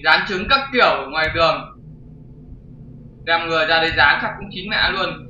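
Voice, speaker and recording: High, bright-voiced male game commentator. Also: slight background noise. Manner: chatty, jokey, crude slang. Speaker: game commentator, channel host. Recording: roomy, dull lo-fi with faint music.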